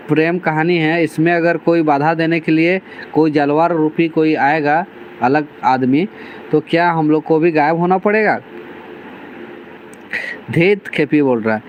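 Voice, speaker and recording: A man's voice: a little high, highs cut off, a little hiss or hum. A man, teaching a class by reading lines from a novel and explaining each one in plain words. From Jharkhand, India. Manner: reads dialect lines aloud, then restates them plainly with many 'theek hai' fillers.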